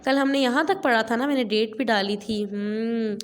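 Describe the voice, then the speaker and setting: A woman nursery teacher with a Pakistani Urdu accent, patiently drilling letter sounds in a recorded class. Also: a little high. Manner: patient, drills letters slowly and repeats "theek hai". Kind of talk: recorded online class lesson.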